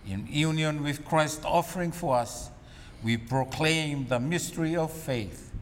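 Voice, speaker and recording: A man's voice: a little high, unhurried, a little hiss or hum. A man reciting a communion liturgy as minister, solemn and formal, phrase by phrase, with a cathedral-like echo. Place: large reverberant church. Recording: long cathedral-like echo, reverberant hall.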